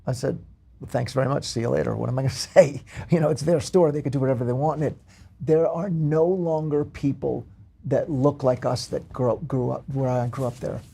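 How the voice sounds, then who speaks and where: Man from queens, co-host, storytelling, gravelly, husky. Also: medium pitch, fairly even intonation, fairly quick, warm tone. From New York (Queens). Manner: conversational, anecdotal storytelling. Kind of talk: casual talk show chat.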